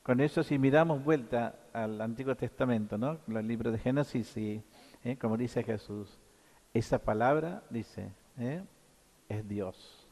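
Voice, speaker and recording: A man preaching a halting sermon as priest at Mass, often pausing on short tag questions. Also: mid-range voice, a little mellow, long reverb tail. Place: church.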